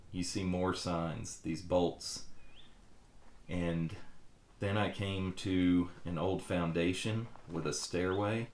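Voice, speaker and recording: A man narrating an exploration vlog in an earnest, reflective manner. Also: deep voice. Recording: echoey, reverberant room with audible background noise.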